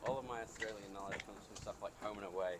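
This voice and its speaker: A man's voice: lowish voice, steady tone, rapid-fire, fairly bright tone. A man with an English accent chatting casually and laughing easily while walking outdoors. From England. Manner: laughing, easygoing. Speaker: companion on a stream. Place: outdoors on city streets. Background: street traffic noise.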